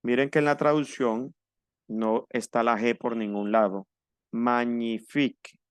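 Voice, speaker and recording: A man leads a French class over a video call and patiently slows down to model each word. His voice is smooth and resonant, with a dry, close sound. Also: mid-range voice, dry recording. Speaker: French teacher. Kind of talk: online class instruction.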